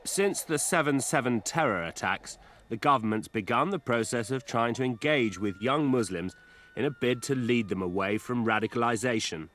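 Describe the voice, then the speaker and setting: A male reporter giving scripted narration for a TV news feature in a measured, even delivery. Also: medium pitch, a little hiss or hum.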